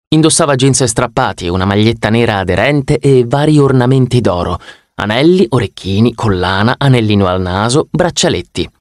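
A man's voice: mid-range voice, darkish tone, dry recording, studio quality. A man reading a first-person audiobook narration with a wry storytelling delivery.

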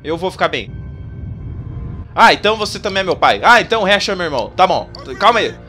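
A man's voice: sits high, very animated, quick pace, pushed and bright. A Brazilian-accented man giving casual commentary as he plays a video game. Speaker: gaming video host. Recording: voice over clear game music.

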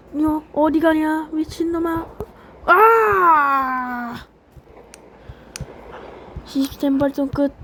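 A woman playing a game on camera, yelling and cursing while acting out lines for the characters in her match. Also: high voice, a little hiss or hum. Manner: shouty, swears, switches between playful role-play and yelling. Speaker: gaming YouTuber. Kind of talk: excited gameplay commentary with role-play voices.

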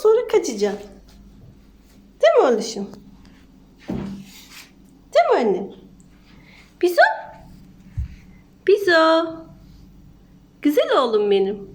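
A woman at home talking to her cat in coaxing baby talk, cooing and sing-song. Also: extremely high pitch.

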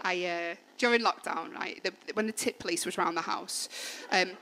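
A young woman with a Mancunian accent performing a live stand-up comedy set on a club stage, chatty and full of quick asides, with the audience laughing. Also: on the low side, bright, forceful tone, slight background noise. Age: young adult. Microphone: stage microphone.

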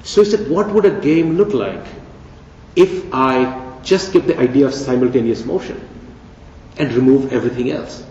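A man's voice: mid-range voice, moderate pace, dark tone, slight background noise. A man giving a conference keynote lecture, conversational and playful, with rhetorical questions. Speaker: keynote speaker. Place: large conference hall. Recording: dull, echoey hall recording from a distance.

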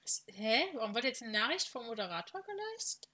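A woman chatting casually on a livestream with friends and viewers, playful and expressive. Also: fairly high pitch, a little fast. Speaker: livestream host, VTuber streamer. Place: indoors, streaming setup at a computer.

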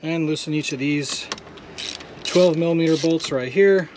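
Here the DIY mechanic speaks at a fairly high pitch and moderate pace over background noise. Outdoors with his own camera, he gives a casual, hands-on jet ski repair tutorial step by step, cursing when things go wrong.

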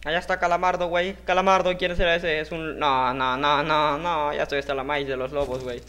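A man with a Mexican accent giving casual, excitable commentary over his own gameplay, with sudden shouted outbursts and slang. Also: on the high side, brisk, smooth. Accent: Mexican Spanish.

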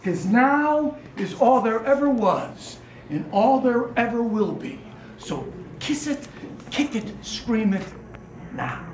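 A man's voice: extremely high pitch, big pitch swings, slow. An older man, a performance poet, chanting and leading a crowd in call-and-response in a gallery room, recorded by a far camera. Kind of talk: interactive spoken-word performance. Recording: echoey room, crowd noise.

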